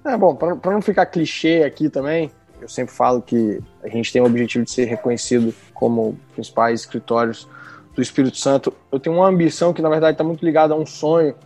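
Speaking fast with a fairly even, medium-pitched voice that's a little mellow, this man chats casually as a podcast co-host, using slang and a Bahian Brazilian Portuguese accent. Soft music plays in the background.

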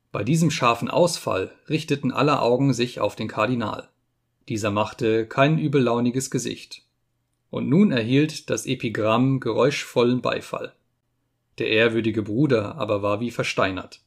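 A man narrates a classic text as an audiobook. His voice is gravelly and sits at an ordinary pitch. He reads in a measured, formal way. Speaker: audiobook reader.

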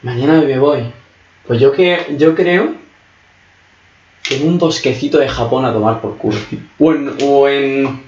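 A young man in casual chat, relaxed and joking, swearing often. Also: medium pitch, unhurried, long pauses, a little hiss or hum. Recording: echoey room, dull lo-fi sound.

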